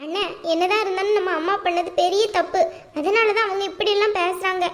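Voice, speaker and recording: A gentle young peacemaker from a cartoon family drama, voiced by a woman. Her voice is very high and light, and it is soothing and pleading by turns. She sounds anxious and caring. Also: fairly even intonation, a little fast. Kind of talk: cartoon voice acting.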